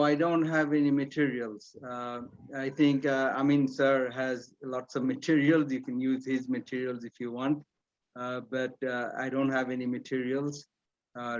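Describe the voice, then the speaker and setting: A man's voice: mid-range voice, dull audio. A man whose first language is Bengali explains pronunciation to teachers at an online forum, repeating words as he thinks. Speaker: presenter answering teachers' questions.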